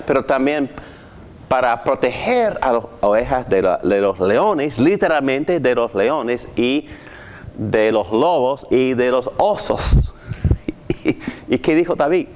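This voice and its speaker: Man, Bible class teacher, mid-pitched voice, humorous everyday examples, deliberate scripture reading. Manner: explains with humorous everyday examples and playful asides.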